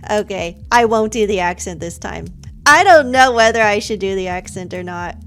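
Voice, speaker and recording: A woman's voice: mid-range voice, expressive, normal speed, a bit bright, soft background music. A woman giving casual, chatty commentary over a game, reacting aloud and muttering to herself. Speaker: streamer.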